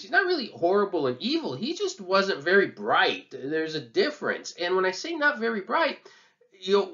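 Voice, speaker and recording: A man teaching history in a relaxed, conversational lecture, full of asides and fillers. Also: high voice, highs cut off.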